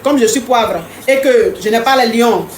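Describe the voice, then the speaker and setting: Teasing high-voiced woman live streaming. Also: moderate pace, reverberant, a little hiss or hum. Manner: repetitive, teasing, talks straight to commenters. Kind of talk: casual live chat with viewers.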